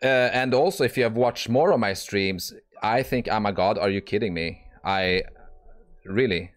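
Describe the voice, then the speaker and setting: Male poker streamer, lowish voice, talking through hands live; blunt, exasperated, curses freely, restarts sentences. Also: normal speed, faint music behind. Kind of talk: live-stream commentary while playing online poker.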